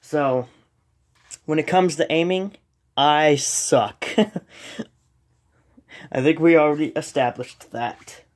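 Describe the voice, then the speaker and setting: This clip features a young man who runs a gaming channel, playing at home in a dark room while filming the TV screen. Sniffly with a slight cold, he comments casually, rambling and putting himself down, with many ums. He speaks with a fairly high pitch, slowly, pausing often.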